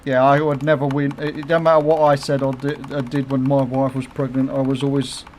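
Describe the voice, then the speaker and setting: A middle-aged man, chatting loosely while he streams a game from home. He swears freely, laughs a lot and replies to viewers' comments. His voice sits at a mid pitch, with a faint hiss behind it. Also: flat delivery, a little fast, darkish tone. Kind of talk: casual livestream chat.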